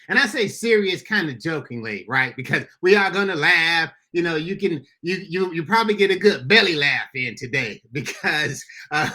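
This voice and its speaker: Upbeat high-voiced pastor hosting a podcast. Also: male voice, bright, forceful tone. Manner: upbeat, folksy, addresses listeners as y'all. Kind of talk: casual podcast chat. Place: Florida.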